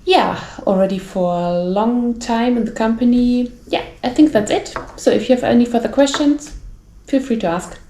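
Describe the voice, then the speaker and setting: A woman's voice: fairly high pitch, moderate pace, mellow. A woman in her early thirties with a German accent, chatting casually as a vlog co-host. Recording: echoey room sound.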